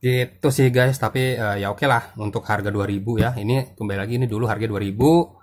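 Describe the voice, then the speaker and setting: A young man talks through a comic review in a relaxed, casual way. His voice sits a little low, and he hesitates often, repeating words and filling gaps as he thinks aloud. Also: brisk. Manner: loose, hesitant, many fillers and repeats.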